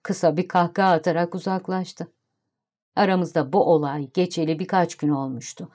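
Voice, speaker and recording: A woman narrating a literary audiobook in a calm, even storytelling manner. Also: fairly low pitch, normal speed.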